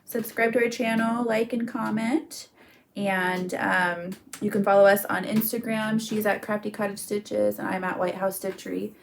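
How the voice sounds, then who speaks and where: A woman's voice: medium pitch, fairly even intonation, moderate pace, gravelly, slight background noise. A woman in her thirties co-hosting a casual craft chat, chatty and laughing easily as she coaxes her child along. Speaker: co-host.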